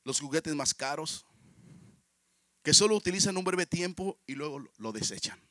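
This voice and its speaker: A man's voice: fairly high pitch, expressive, moderate pace, pushed and bright, no room sound, studio quality. A man in his fifties with a Mexican Spanish accent, preaching a sermon, telling stories and often calling out to the congregation. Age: 50s. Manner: storytelling, often calls out to the congregation.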